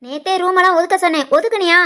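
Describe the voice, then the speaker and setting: A sarcastic, nagging middle-aged housewife from an animated family story, voiced by a woman. She speaks with a Tirunelveli Tamil accent and scolds at every turn. Her voice is piercingly high. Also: rapid-fire. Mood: scolding.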